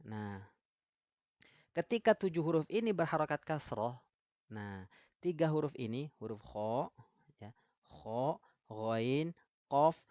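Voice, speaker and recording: Indonesian male tajwid teacher, mid pitch, dry close sound, quizzing live viewers. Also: a little mellow, no echo. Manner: asks viewers questions, reads out comments. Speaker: Quran recitation teacher. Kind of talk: live-stream tajwid lesson.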